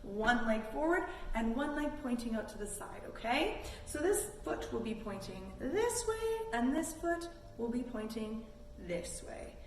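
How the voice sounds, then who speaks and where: A Canadian woman leads a children's yoga class with storytime, giving encouraging instructions in simple language. Her voice is a little high and sing-song, and she keeps a measured pace. The mic is distant and the room sounds roomy, with faint noise.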